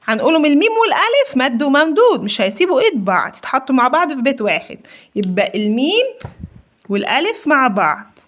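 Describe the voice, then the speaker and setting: A woman's voice: high voice, big pitch swings, a bit bright. Egyptian woman teacher sounding out syllables. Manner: stretches words slowly to sound out syllables; patient, asks questions and answers them herself. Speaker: primary school teacher. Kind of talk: children's reading lesson.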